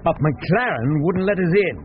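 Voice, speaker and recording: Watson, earnest detective's companion. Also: male voice, a little high, lively intonation, unhurried. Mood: earnest, puzzled. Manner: earnest, questioning. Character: earnest, slightly puzzled gentleman companion of detective. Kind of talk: period radio drama acting. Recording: muffled radio recording with noise.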